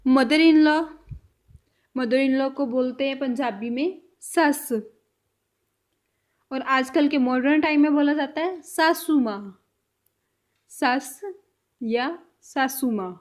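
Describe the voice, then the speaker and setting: Slow, high-voiced woman teaching words. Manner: repeats each word slowly and carefully. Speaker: language teacher. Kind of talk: slow vocabulary lesson.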